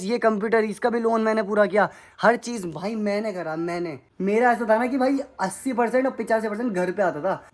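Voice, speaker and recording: A young man from India venting angrily in a home vlog, with heated, accusing, repetitive outbursts at his brother. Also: sits high. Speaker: vlogger. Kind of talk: angry vlog rant to camera. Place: family home, indoors.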